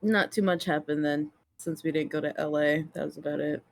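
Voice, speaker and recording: A woman's voice: sits low, fairly even intonation, brisk. A woman co-hosting a casual podcast, laughing often and swearing freely as she chats. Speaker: podcast co-host. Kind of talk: casual chat.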